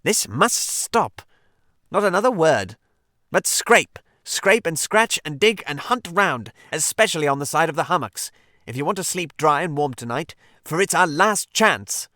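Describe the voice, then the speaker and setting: A man voicing an impatient, excitable male rat who speaks emphatically and forcefully. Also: high-pitched, takes it slowly, hardly any pauses, dry recording, clean studio sound, pitched above the performer's own voice, full character voice.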